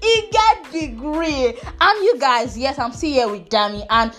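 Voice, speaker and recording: A high-voiced, very animated young woman hosts a casual chat in an Igbo Nigerian accent. She is playful and teasing, slipping into Pidgin as she talks to her listeners over music. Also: unhurried. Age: young adult. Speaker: podcast host.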